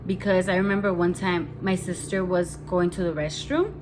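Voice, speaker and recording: A woman's voice: lowish voice, moderate pace. A young woman telling a story to her camera, rambling and spooked, with "like" in almost every sentence. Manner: rambling, nervous, heavy use of "like" as filler. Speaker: vlogger. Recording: home video with steady outside noise. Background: building-washing noise outside.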